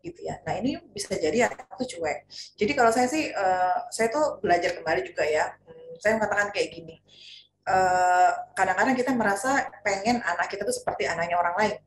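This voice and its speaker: A woman's voice: medium pitch, fairly quick, slight background noise. A middle-aged woman speaking on a panel as a parent, telling stories animatedly with many fillers. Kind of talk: casual panel discussion. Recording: echoey room, faint ambience.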